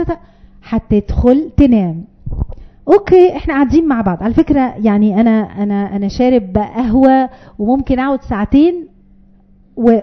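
A woman's voice: fairly high pitch, lo-fi sound. A woman with an Egyptian accent giving a parenting talk to an audience, emphatic, repeating key phrases and acting out short parent and child exchanges. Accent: Egyptian Arabic. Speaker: parenting educator.

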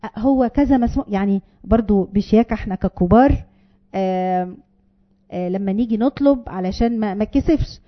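A woman's voice: medium pitch, brisk, highs cut off. A woman with an Egyptian Arabic accent gives a parenting advice talk to an audience, earnest and explaining, with many fillers. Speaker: parenting speaker.

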